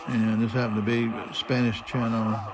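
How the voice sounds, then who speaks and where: A lowish, flat-sounding male voice at normal speed, with crowd noise, guides listeners through a receiver in a casual, unplanned tutorial. The speaker is an American radio hobbyist narrating every step. The clip is noisy, carrying radio static and broadcast noise in the background.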